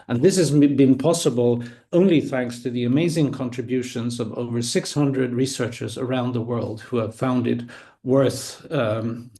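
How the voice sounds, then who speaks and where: A conference speaker whose first language is Swedish gives an academic talk online, explaining things in a measured way with small restarts. His voice is medium-pitched with a dark tone.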